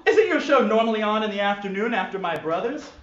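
A man's voice: high voice, expressive, fast, fairly bright tone, reverberant, far from the mic, highs cut off, voice pushed up. A man voicing a prissy, posh, fussy male psychiatrist at a live stage reading. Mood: flustered.

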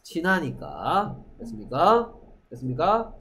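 Slow, higher-voiced male English teacher. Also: wildly swooping pitch, sharp tone, slight background noise. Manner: keeps checking with the class and models English sentences slowly. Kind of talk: classroom lesson. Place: school classroom.

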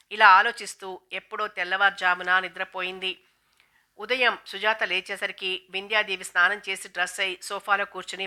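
A woman narrating a novel aloud in a steady, even storytelling manner. Her voice is very bright and crisp. She keeps her pitch flat and level from line to line.

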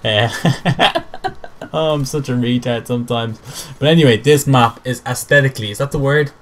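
A young man from Ireland, rambling excitedly and mocking himself as he commentates over game footage. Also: mid-range voice, moderate pace. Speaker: gameplay commentator.

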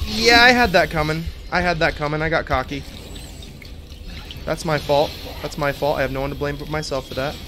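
This young man's voice is a little high and fairly quick, with music playing behind him as he streams a game live from home. He reads out the game's text casually, laughing and cursing along the way.

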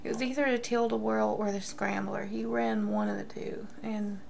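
A woman in her thirties telling a casual, confessional story to camera in a gossipy, rambling way with halting tangents. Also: mid-range voice, steady tone, creaky, darkish tone, slight background noise. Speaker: vlogger. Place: small room at home, indoors.

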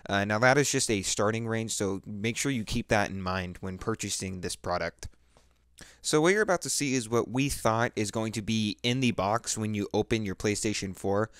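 A man's voice: lowish voice, smooth, no room sound, clean studio sound. A young man hosting a casual gaming video update, stumbling through lines with lots of fillers and restarts. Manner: halting, many "uh" fillers and restarts.

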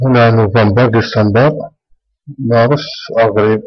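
A man with an Algerian Arabic accent teaching a school English lesson, slowly repeating and stretching out words for pupils. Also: fairly low pitch, fairly even intonation, lo-fi sound. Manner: slow, drawn-out repetition of words for pupils. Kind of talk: lesson for first-year middle school.

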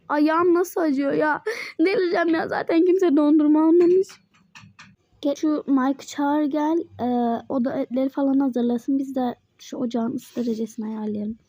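A woman's voice: high voice, dark tone, dry recording, muffled recording. A young female player doing casual, playful role-play chat in a mobile game. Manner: chatty, playful, quick back-and-forth. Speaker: Toca Life roleplay player voicing Mike.

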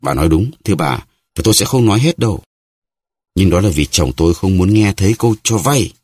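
Boastful proud musketeer, haughty and huffy, guy reading him, deep husky voice. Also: lively intonation, brisk, darkish tone, no echo. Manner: haughty, mock-offended. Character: vain, boastful musketeer, proud grown man.

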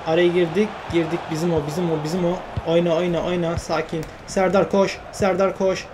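A man commenting on his own football video game career, getting worked up and yelling at his teammates when plays go wrong. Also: sits high, a little fast, background noise. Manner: excitable, shouts at his teammates, groans when things go wrong. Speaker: gaming YouTuber.

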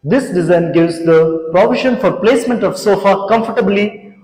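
A young Indian man with a high voice and darkish tone, founder of a renovation company, gives a scripted walkthrough of a large empty apartment. Speaking on a lapel mic in a measured, explanatory way, he points out features and planned changes, while the empty rooms echo over background music.

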